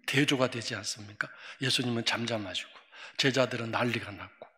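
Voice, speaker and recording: A male pastor preaching a sermon, emphatic, jumping from loud outbursts to hushed near-whispers. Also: mid-range voice, a little fast. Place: church sanctuary. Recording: long reverb of a church sanctuary.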